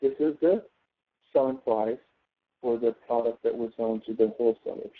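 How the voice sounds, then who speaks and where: A man speaking at normal speed with a medium pitch works as a professor teaching an online class. His informal tutoring style goes step by step, often pausing to ask "okay?", and the sound is thin, like a phone recording.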